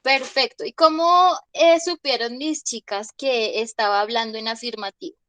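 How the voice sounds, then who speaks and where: A woman's voice: on the high side, steady tone, normal speed, a bit bright. A woman teaching English online, explaining patiently, asking her students questions and repeating examples. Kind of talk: online class explanation in Spanish.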